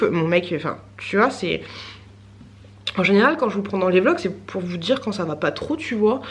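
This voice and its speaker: A woman's voice: medium pitch, a little hiss or hum. A woman vlogger in her thirties, chatting casually to camera in a rambling way with lots of fillers and little laughs.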